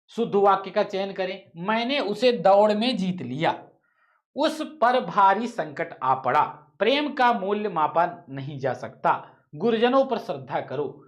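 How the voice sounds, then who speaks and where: Playful man quizzing a Hindi class. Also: high-pitched. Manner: quizzing viewers, teasing, joking asides. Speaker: teacher. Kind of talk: live online exam-prep class.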